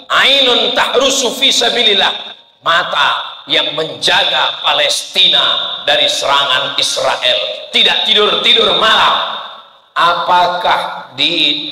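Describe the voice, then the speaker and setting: A man's voice: on the high side, lively intonation, takes it slowly, sharp tone. A man preaching a humorous mosque sermon, breaking into chanted prayers. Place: mosque hall. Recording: echoey hall reverb.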